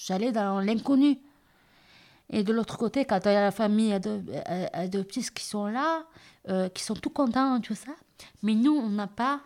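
A woman in her thirties, from southern India and raised in France, telling her life story in a hesitant way with many pauses and restarts. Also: medium pitch. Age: 30s. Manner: hesitant, many fillers and restarts, soft-spoken. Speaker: interviewee. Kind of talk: personal testimony.

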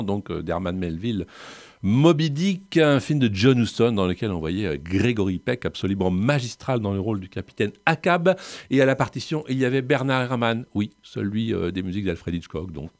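A man's voice: fairly low pitch, expressive, moderate pace, a little mellow, dry recording. A man in a radio studio chats casually about film scores, full of wry, teasing asides. His voice is dry and close, with no room sound around it. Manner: chatty, ironic asides.

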